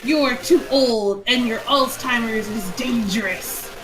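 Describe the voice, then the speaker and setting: A woman reading the lines of an accusing male wizard in a comedic read-aloud, flat and matter-of-fact. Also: on the high side, unhurried, background noise, close to an everyday voice.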